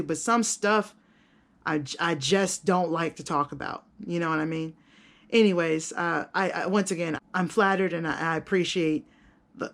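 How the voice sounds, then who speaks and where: Her voice sits fairly low with a slight brightness as she talks to her audience in a casual vlog. This content creator rambles candidly, pokes fun at herself, and drops slang and the odd swear word.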